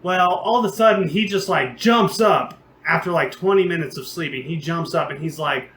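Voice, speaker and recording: A young man co-hosting a podcast, telling a long, rambling, profane story in a casual, animated way. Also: a little high, moderate pace. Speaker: podcast co-host. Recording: roomy echo, faint background noise.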